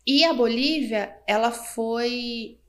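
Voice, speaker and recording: Woman, guest doctor, fairly high voice, chatty animated storyteller. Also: slow pace. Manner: animated storyteller, acts out quotes, frequent tag questions. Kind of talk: casual interview storytelling.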